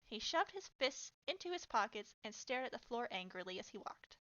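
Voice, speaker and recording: A woman reading her own fanfiction aloud in a steady storytelling narration. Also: on the high side, moderate pace, muffled recording. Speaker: fanfiction reader.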